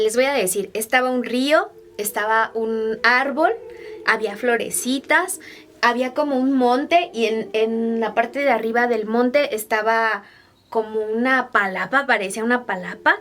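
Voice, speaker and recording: A woman's voice: a little high, a bit bright. A young woman telling personal stories to camera in a chatty way, full of fillers and asides to her viewers. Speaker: vlogger.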